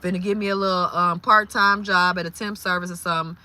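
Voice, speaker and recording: A woman, talking casually about faith on a livestream, lively and quick to exclaim. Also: lowish voice. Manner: lively, exclaims and laughs often. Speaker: live streamer.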